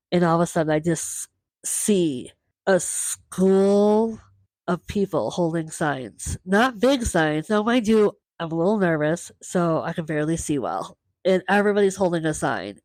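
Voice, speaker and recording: A woman hosting a podcast, telling a travel story casually and lively, acting out the voices of the people she met. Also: fairly low pitch, dry recording. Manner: lively, acts out quoted voices. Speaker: podcast host.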